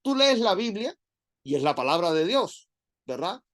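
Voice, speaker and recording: Man, middle-aged, sermon, conversational, high-pitched. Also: moderate pace. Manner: animated, conversational preaching with rhetorical questions. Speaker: preacher.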